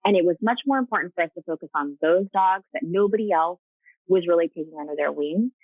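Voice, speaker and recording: On a casual video call, a rescue co-founder speaks as the interview guest, her fairly low voice moving fast. She's earnest but keeps restarting and filling gaps, and the dry recording has that thin, phone-like call sound.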